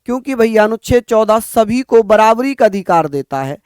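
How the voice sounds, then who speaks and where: Man from northern India, exam-prep teacher, high smooth voice, dry close sound, repeats points. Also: expressive, moderate pace, darkish tone, dry recording. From Uttar Pradesh, India. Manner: addresses students as bhaiya, repeats points for dictation.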